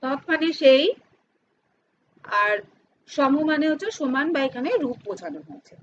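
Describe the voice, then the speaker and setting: A woman's voice: high-pitched, moderate pace, muffled recording, a little hiss or hum. A middle-aged woman teaching a grammar lesson to students, explaining step by step and asking and answering her own questions. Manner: addresses students informally, teasing aside.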